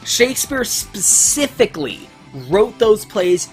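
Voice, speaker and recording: A let's play co-host with a mid-range voice and big pitch swings talks a little slowly while chatting casually during a gaming session. He swears often and rants heatedly about art and culture, with faint music in the background.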